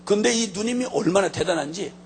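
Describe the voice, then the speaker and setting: Male pastor with a high, gravelly voice that swoops widely, preaching with lively stories and jokes. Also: quick pace, slight background noise. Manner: lively storytelling with comic asides. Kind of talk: sermon.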